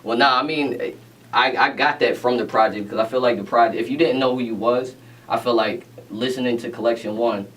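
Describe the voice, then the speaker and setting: This radio DJ has a medium-pitched, steady, slightly bright voice and talks a little fast. He hosts a casual interview, upbeat and full of affirmations and "you know what I'm saying," picked up by a distant mic with faint room noise.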